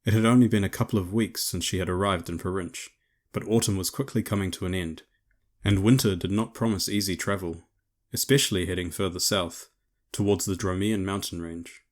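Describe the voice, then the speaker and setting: Casting: male audiobook narrator, very deep, measured and even. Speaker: author and narrator.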